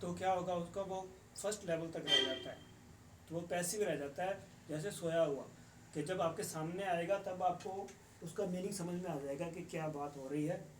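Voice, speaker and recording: Patient teacher in an echoey room. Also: male voice, high-pitched, background noise. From Punjab. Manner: patient, slow explaining, switching into English phrases. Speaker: English teacher. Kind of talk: explanatory lesson. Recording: echoey, distant room mic with faint ambience.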